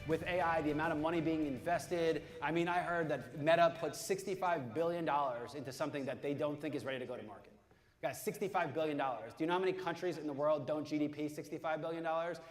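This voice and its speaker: A man hosting a live panel, with casual, rambling, joking banter. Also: a little high. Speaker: panel moderator and podcast host. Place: live event stage.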